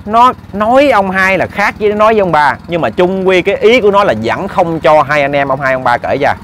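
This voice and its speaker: This man speaks fast, with a fairly high, bright voice full of animation, and there's slight background noise. He's spinning a ghost story conversationally, talking right to the people listening and repeating words.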